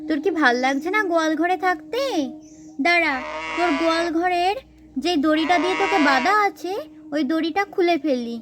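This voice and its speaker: A woman's voice: very high-pitched, fairly quick, heavy background noise. A woman voicing a busy young village mother who coaxes and calls out again and again. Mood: coaxing. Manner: coaxing, chatty, calls out repeatedly.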